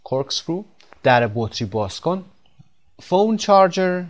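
A man with a Persian accent teaching English vocabulary, explaining patiently and repeating words slowly for pronunciation. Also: sits high, sing-song. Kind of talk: vocabulary lesson.

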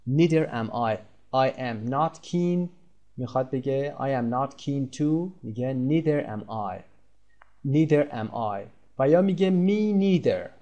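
A man whose first language is Persian, teaching English in a recorded lesson, explaining step by step and drawing out the English example phrases slowly. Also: medium pitch, darkish tone.

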